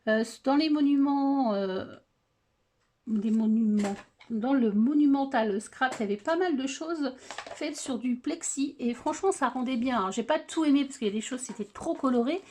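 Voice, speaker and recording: A woman's voice: high voice, normal speed, warm tone, a little hiss or hum. A middle-aged woman in casual chat, showing off her craft purchases on her video channel and talking hesitantly, with many filler sounds and restarts. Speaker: scrapbooking vlogger.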